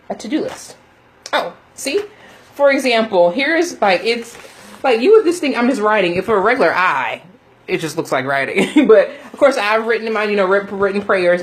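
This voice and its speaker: A woman with a medium-pitched voice speaks casually as a motivational coach on a livestream. She is chatty and emphatic, talking directly to her listeners and often checking that they follow. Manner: chatty, emphatic, laughs often, punctuates with "okay?" and "you know".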